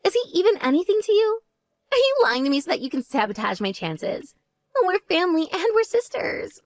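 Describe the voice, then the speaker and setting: A woman's voice: extremely high pitch, very animated, a little fast, dry recording, voice pushed up, full character voice. A woman voicing a spoiled, vain younger sister who boasts and taunts indignantly in a voiced story. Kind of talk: voiced text story dialogue.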